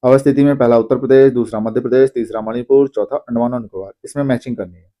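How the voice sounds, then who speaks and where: A man teaching an exam-prep lesson, reading long lists of names slowly and pausing to explain. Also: medium pitch, steady tone, dark tone. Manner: reads names slowly, apologizes for pronunciation.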